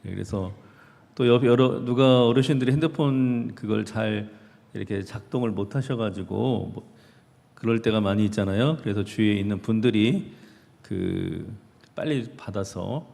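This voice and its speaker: A man's voice: on the low side, moderate pace, gravelly, warm tone. A male pastor preaching a sermon, telling a story conversationally and asking the congregation rhetorical questions. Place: church sanctuary. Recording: reverberant church hall.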